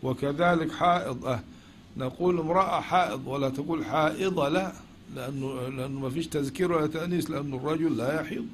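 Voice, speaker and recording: A man lectures on logic in a classroom with an Egyptian accent, his voice fairly high and his pace quick. He often raises questions and answers them himself. Slight background noise can be heard.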